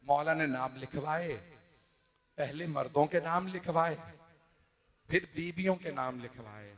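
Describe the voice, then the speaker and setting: A man's voice: a little high, measured pace. A man giving a dramatic mourning sermon to a live gathering in a large hall. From Pakistan. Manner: dramatic storytelling, swelling to loud wailing cries. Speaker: Shia cleric leading a majlis.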